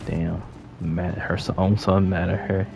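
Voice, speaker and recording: A man's voice: deep voice, little pitch movement, unhurried, creaky. A man streaming a game, reacting in loose, profane slang. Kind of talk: casual game commentary. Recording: game music playing behind.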